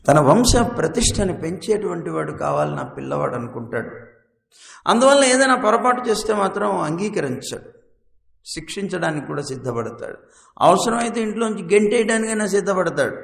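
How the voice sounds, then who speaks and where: High gravelly man preaching in an echoey hall. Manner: storytelling, voices mother, child and father in quick dialogue. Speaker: religious teacher. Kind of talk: Telugu discourse with acted family scenes. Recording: echoey hall with long reverb.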